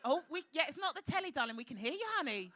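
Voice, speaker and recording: A man with a high-pitched voice hosting a live stand-up night, teasing the crowd with cheeky, camp, sweary banter on a comedy club stage. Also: sing-song, racing, sharp tone, slight background noise. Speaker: comedy host.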